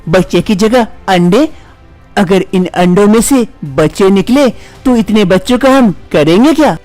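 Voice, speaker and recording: A woman's voice: medium pitch, lively intonation, a little slow, darkish tone, faint music behind, close to an everyday voice. A woman voicing a puzzled young husband in a cartoon story. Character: surprised young husband, son.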